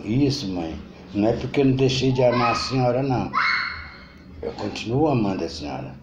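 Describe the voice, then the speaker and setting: A man voicing a grown son, just convicted, who bitterly blames his mother in a lower, quieter voice. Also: heavy background noise, natural voice. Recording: dull roomy recording.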